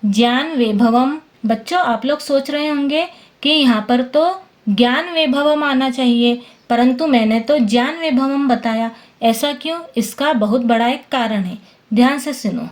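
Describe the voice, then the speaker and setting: A woman teacher explaining a Sanskrit lesson word by word, patiently checking that her students follow. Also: high-pitched. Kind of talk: classroom lesson explaining text line by line.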